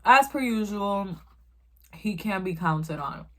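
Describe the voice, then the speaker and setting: A woman's voice: medium pitch, expressive, takes it slowly, sharp tone, a little hiss or hum. A young woman, telling a profane, emphatic story in casual chat as she eats. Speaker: vlogger. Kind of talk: casual storytime while eating.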